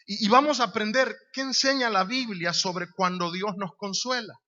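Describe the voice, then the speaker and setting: Honduran male preacher, high bright voice, emphatic sermon delivery, dull lo-fi recording. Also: normal speed. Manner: emphatic, repeats key phrases, rhetorical questions.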